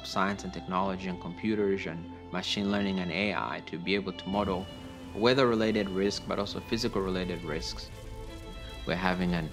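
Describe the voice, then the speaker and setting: A man from Rwanda, a tech company founder, calmly explaining his work in a documentary interview. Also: sits low. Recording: music bed underneath.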